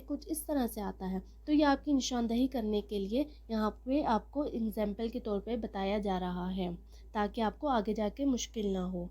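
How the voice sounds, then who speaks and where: Patient higher-voiced woman teaching letters. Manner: patient, step-by-step explaining, stretching out letter names slowly and loudly. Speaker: online Quran reading teacher. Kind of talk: recorded lesson on reading Arabic letters.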